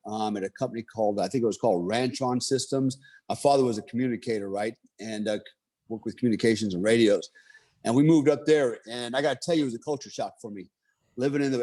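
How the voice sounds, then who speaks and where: A man's voice: mid-range voice, mellow. A man in his fifties who grew up in Germany, telling his life story as a motivational speaker in a rambling way, with many fillers and rhetorical asides. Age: 50s. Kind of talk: personal storytelling monologue.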